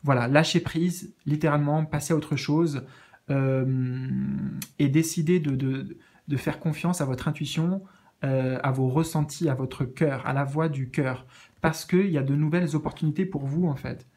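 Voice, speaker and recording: A man giving a casual spiritual card reading, gentle and reassuring, often hesitating and searching for words with many fillers. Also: on the high side, fairly even intonation, normal speed. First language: French. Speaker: tarot card reader.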